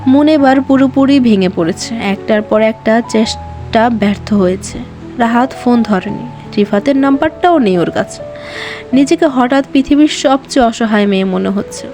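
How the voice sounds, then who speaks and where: A woman narrating a romantic novel slowly and with emotion as a storyteller. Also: fairly high pitch, mellow, soft background music. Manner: slow, emotional reading.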